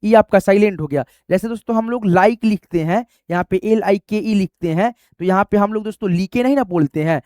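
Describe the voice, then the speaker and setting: Man, online English teacher, high-pitched voice, letter-by-letter spelling, repetitive friendly fillers. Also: a little fast, few pauses, a little mellow, no room sound, studio quality. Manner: repeats "doston" and "theek hai", quizzes the viewer. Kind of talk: online classroom lesson.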